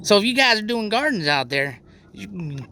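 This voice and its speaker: Bright, eager woman hosting a kids' show. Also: medium pitch, big pitch swings, normal speed, vocal fry, slight background noise. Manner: enthusiastic, exclaiming, playful. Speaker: host. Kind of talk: kids' educational video hosting.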